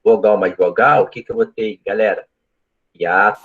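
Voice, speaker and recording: A man's voice: lowish voice, fairly even intonation, normal speed, husky, phone-quality sound. A man teaching a live online Portuguese grammar lesson, explaining step by step and often checking that students follow. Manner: explanatory, asks frequent checking questions.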